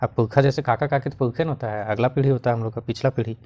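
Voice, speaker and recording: A man teaching, who reads a line in a regional dialect and then explains it in plain Hindi, often coughing and clearing his throat. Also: mid-range voice, fairly even intonation, racing, a little mellow. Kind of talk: explaining a Khortha text line by line.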